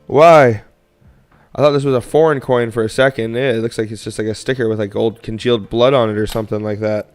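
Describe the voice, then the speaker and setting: A man's voice: on the low side, steady tone, fast talker, hardly any pauses, a little mellow, clean tone, soft background music. A young man from Canada hosting a coin roll hunting livestream, chatting casually and rambling to viewers as he sorts coins. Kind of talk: casual live-stream chat while sorting coins.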